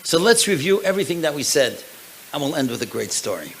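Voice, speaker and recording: A man's voice: fairly high pitch, a little fast, a little hiss or hum, rough recording. A man, a rabbi and lecturer, telling stories in a lecture at a synagogue event and acting out the people in them. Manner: animated storyteller, acts out the people in his stories. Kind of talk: storytelling lecture.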